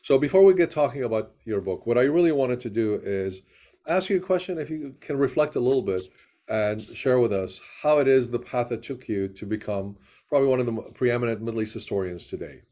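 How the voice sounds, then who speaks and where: A man's voice: medium pitch, lively intonation, warm tone. A man hosting a video-call webinar, introducing and interviewing a guest, with many fillers and restarts. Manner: quick, with frequent uh fillers and restarts.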